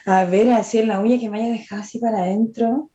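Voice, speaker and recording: A Chilean woman, a nail artist and tattooist, telling funny anecdotes in casual chat, animated and laughing as she goes. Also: on the high side, quick pace. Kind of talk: casual storytelling. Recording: muffled lo-fi audio.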